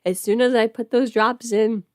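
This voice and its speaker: A woman's voice: on the high side, steady tone, normal speed, no room sound, studio quality. A woman who is sick, chatting casually on a livestream as host, thinking aloud and interrupting herself. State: sick at home with covid. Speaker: livestream host, audio creator. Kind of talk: casual rambling livestream chat. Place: at home.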